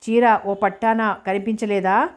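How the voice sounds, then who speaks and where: A woman's voice: medium pitch, fairly even intonation, measured pace, lightly acted. A woman reading as a kindly young colleague. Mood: concerned.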